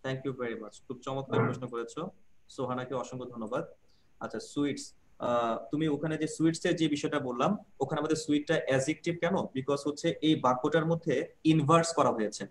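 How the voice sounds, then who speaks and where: Fast-talking man teaching grammar online. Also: mid-range voice, a little hiss or hum. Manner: explains patiently, repeats points, asks rhetorical checks. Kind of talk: online class Q&A. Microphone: video call.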